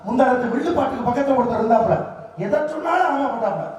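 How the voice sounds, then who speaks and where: A man's voice: very high voice, lively intonation, racing, darkish tone. A man playing the sage Narada as a teasing, bantering matchmaker in a live village folk drama. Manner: bantering, quizzing, laughing often. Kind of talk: live street-theatre dialogue. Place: outdoor village stage. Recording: echoey open-air stage from far off, crowd behind.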